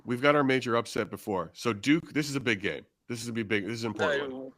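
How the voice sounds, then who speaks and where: A man's voice: mid-range voice, fast, fairly bright tone. A man co-hosting a live paranormal stream, steering the group toward decisions and reading the chat aloud. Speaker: co-host.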